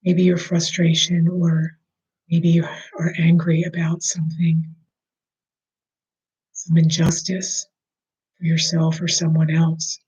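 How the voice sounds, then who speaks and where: Leading a slow, soothing breathing meditation, a guide speaks softly at medium pitch, with a completely flat delivery that now and then sinks almost to a whisper. The highs are cut off in the audio.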